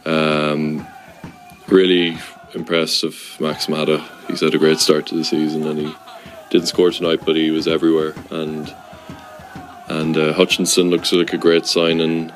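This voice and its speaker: A man with a very deep, very flat voice and a west of Ireland accent. He gives a football supporter's informal match review, hesitating and pausing as he goes. Faint music plays underneath. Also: poor audio. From Sligo, west of Ireland. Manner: hesitant, pausing often mid-thought.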